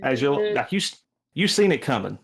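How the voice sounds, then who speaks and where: A man narrating as game master of a tabletop game, with a relaxed, chatty manner. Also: fairly high pitch, normal speed, creaky, husky. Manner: relaxed, chatty, restarts sentences.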